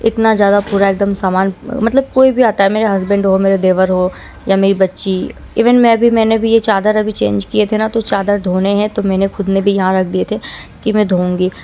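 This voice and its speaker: A woman's voice: medium pitch, steady tone, a little fast, mellow. Chatty young woman vlogging at home. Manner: chatty, rambling, mixes in English words. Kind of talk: casual home vlog chat. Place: small rented room at home.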